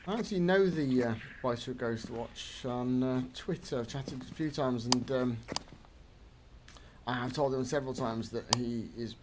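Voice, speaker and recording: A man's voice: mid-range voice, moderate pace, noisy background. A man streaming a ghost-hunting game, chatting casually with wry, understated remarks while he explains the rules. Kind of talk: casual gameplay chat.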